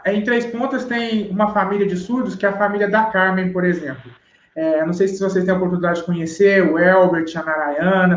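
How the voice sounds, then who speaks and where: Appearing as a guest on an interview show, a sign language teacher explains things patiently, step by step, often checking he's been understood. His voice is high and a bit bright, carried over roomy, dull live-stream audio.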